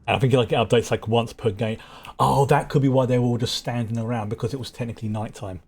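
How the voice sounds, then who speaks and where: A man's voice: medium pitch, fairly even intonation, fast talker, darkish tone, slightly rough. A man giving casual, chatty game commentary, thinking aloud as he plays. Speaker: gamer, host of a playthrough.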